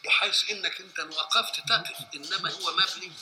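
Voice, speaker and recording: A man's voice: high voice, fast talker, pushed and bright, a little hiss or hum, rough recording. A man with an Egyptian Arabic accent teaching a Quran lesson, putting questions to his listeners and answering them himself, drawing out the names of letters. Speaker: religious teacher.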